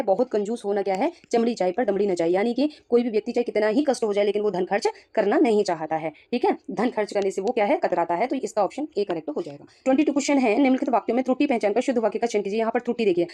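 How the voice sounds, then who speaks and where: A woman's voice: fairly high pitch, mellow. A woman teacher working through exam questions one by one and explaining each answer, often putting rhetorical questions to herself and confirming with "ठीक है.".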